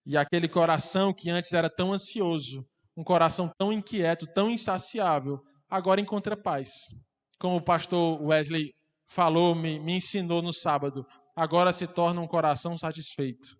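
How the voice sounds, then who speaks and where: A man preaches with fervor, his voice pitched high for a man. The sound carries a long reverb from the church hall. He swells into loud, impassioned climaxes. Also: moderate pace. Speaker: pastor. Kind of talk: sermon.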